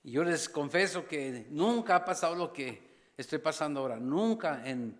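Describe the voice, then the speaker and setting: A man preaching as a pastor, passionate, rising to loud appeals and dropping to hushed asides. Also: on the high side, expressive, normal speed. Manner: impassioned, swings between loud exhortation and hushed asides; slips briefly into English phrases. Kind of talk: sermon. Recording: long church reverb.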